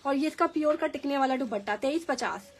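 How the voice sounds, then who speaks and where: Hoarse, high-voiced woman selling clothes live. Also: expressive, a little fast, slight background noise. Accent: Pakistani Urdu. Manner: enthusiastic, chatty, repeats prices. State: sore throat, hoarse. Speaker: online clothing seller. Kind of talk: live-stream sales pitch.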